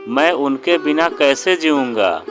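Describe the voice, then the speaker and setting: Storybook figure: a choked-up, pleading young man, read by a man. Slow delivery. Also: on the high side, animated, fairly bright tone. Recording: guitar music underneath.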